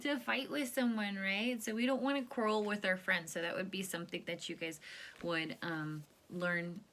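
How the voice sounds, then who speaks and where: In a home recording with faint hiss, a woman reads a picture book aloud to children. Her medium-pitched voice is fairly bright, with fairly even intonation and a normal pace, and she's instructive, checking in often with questions.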